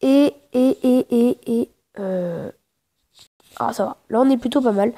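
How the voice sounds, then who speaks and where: Casting: female gamer, higher-pitched yet soft-toned, casual play-by-play, slangy grumbler who repeats herself while thinking. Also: measured pace. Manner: informal slangy speech, often swearing in frustration; hesitant, repeats phrases while thinking aloud. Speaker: gaming video creator. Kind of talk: casual live gameplay commentary.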